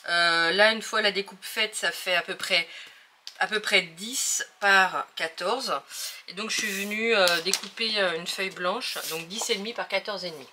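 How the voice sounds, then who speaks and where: A woman's voice: mid-range voice, background noise. A woman hosting a casual craft tutorial, talking hesitantly with many fillers as she thinks aloud while working.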